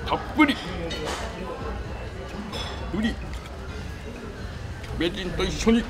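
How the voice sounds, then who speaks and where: A man's voice: sits high, lively intonation, a little slow, over music. A man giving food commentary in a samurai persona, with stiff, formal, archaic speech. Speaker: food review host.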